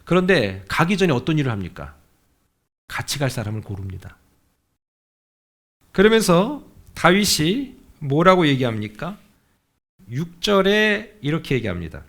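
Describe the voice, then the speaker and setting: A man's voice: on the high side, sing-song, measured pace, gravelly, pauses often, fairly bright tone. A male senior pastor preaching a sermon in a conversational way, often asking the congregation questions and acting out the voices he quotes. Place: church sanctuary.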